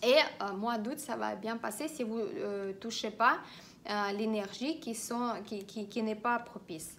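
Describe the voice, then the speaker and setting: Lady explaining feng shui, slightly high voice, lots of euh and restarts. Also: steady tone, a little slow, fairly bright tone, a little hiss or hum. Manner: hesitant, many filler sounds and restarts; instructive, repeats directives. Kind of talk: explanatory online teaching.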